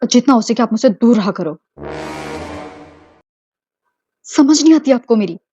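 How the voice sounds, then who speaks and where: A woman's voice: animated, fast talker, dull audio, a little hiss or hum, lightly acted. A woman voicing a proud, easily embarrassed young wife who scolds indignantly, in an amateur audio drama. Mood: scolding. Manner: indignant scolding, shrill shouts.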